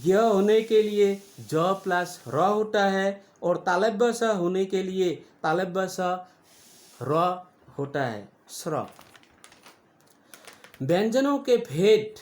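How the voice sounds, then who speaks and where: A teacher giving a slow grammar lesson to children, spelling out letters one at a time and stretching sounds to show their length. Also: mid-range voice, lively intonation, a little mellow.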